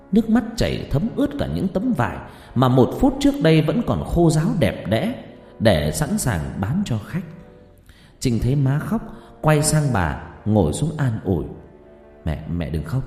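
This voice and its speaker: A man narrating a ghost story in a dramatic, expressive storytelling manner. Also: mid-range voice. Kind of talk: scripted narration. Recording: roomy reverb with music.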